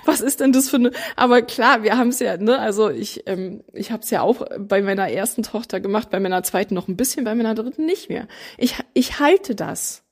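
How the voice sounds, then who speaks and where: A mother of three in her thirties talking straight to viewers, animated and emphatic, acting out what others say. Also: mid-range voice, moderate pace. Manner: animated, emphatic, acts out quotes. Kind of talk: casual talking to camera.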